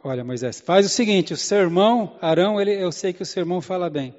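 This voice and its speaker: A preacher acting out God as a firm, patient voice giving instructions and reassurance. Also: male voice, high voice, fast, darkish tone, natural voice. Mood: reassuring. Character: God, commanding yet patient fatherly male voice. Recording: echoey hall, dull lo-fi sound.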